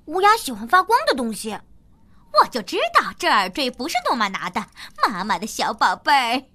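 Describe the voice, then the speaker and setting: A woman's voice: fairly high pitch, big pitch swings, a little fast, pushed and bright, full character voice. A woman voicing a feisty, indignant townswoman in a children's cartoon, exclaiming emphatically. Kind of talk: animated children's cartoon dub.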